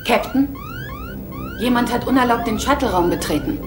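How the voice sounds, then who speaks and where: An actress playing a brisk female starship security lieutenant, making clipped, urgent reports in a dubbed science fiction drama. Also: fairly high pitch, wildly swooping pitch. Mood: alert, urgent. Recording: loud music underneath.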